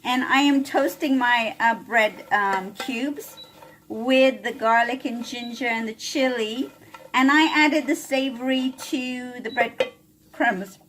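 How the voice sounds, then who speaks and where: A woman's voice: on the high side, slow, noisy background. Chatty woman walking through a recipe. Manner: chatty, with frequent "all right?" check-ins. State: coughing a little from chili fumes. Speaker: cooking channel host. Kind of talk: casual cooking demonstration. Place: home kitchen.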